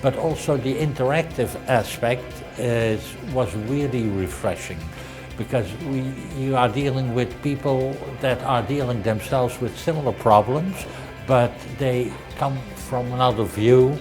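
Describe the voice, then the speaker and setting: Male attendee testimonial, mid-range voice, clear music bed. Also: medium pitch, unhurried. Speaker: event attendee. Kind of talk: testimonial interview. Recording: music behind the voice.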